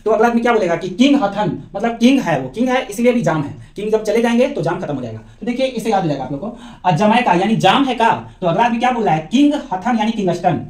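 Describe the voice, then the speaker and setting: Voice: medium pitch, expressive, racing, a little mellow, echoey room. A teacher explaining memory tricks for exam preparation, asking and answering his own questions and telling little stories. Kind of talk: mnemonic lesson for exam prep.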